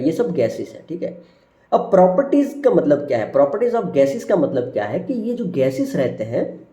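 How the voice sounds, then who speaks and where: The fairly high-pitched, soft, mellow voice of a male engineering teacher echoes around a roomy space during a subject introduction lecture over slides. He addresses his viewers as friends, tags "ठीक है" onto point after point, and reads technical terms singly with a fall on each.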